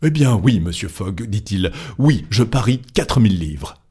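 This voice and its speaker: A man doing an excitable, doubting gentleman. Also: on the low side, unhurried, slightly rough. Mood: agitated. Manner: exclaiming, agitated.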